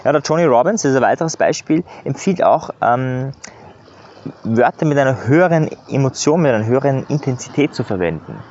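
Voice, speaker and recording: Here the same kind of motivational monologue comes from a man whose mid-range voice is lively in intonation, somewhat mellow, and fairly fast. He's a self-improvement coach offering sincere, relaxed guidance, frequently adding "ja," on a slightly dull recording with light background noise.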